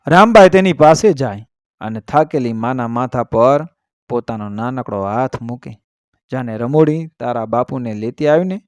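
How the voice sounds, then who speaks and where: A man narrates a heartfelt story in an earnest, unhurried way, his voice sitting at an ordinary middle pitch. The recording is dry and close, with no room echo. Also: creaky. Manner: measured, earnest storytelling with vivid pauses.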